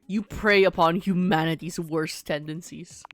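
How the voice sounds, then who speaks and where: A woman's voice: on the low side, fairly even intonation, measured pace, faint music behind. A woman streaming a game with casual, playfully grumpy and blunt commentary. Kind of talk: casual gameplay commentary, reading and reacting.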